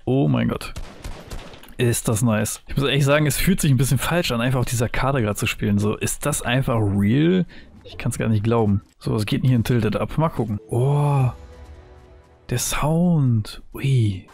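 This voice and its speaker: A young man giving excited, nostalgic commentary on his gameplay, full of youthful slang. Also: mid-range voice, normal speed, vocal fry, faint music behind. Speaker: gaming streamer.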